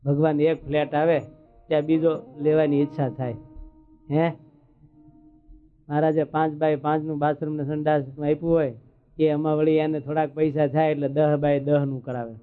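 Guy telling funny folksy sermon stories, kinda high voice, tinny phone sound. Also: little pitch movement, normal speed, faint music behind. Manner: humorous, chatty, rustic storytelling. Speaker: religious storyteller.

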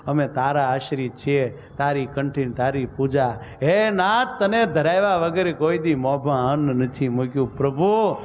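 A man's voice: mid-range voice, unhurried, a little mellow, muffled recording, slight background noise, close to an everyday voice. A man voicing a devout young wife who pleads and wails a prayer for rescue. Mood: desperate.

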